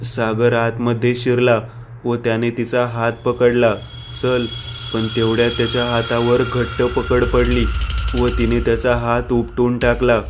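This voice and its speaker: A man narrating a horror story in a steady, even reading style. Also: medium pitch.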